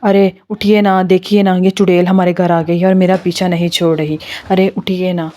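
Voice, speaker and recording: A woman's voice: lowish voice, steady tone, fast talker, dark tone, close to an everyday voice. A woman voicing a frightened young wife who pleads and calls out in panic. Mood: panicked.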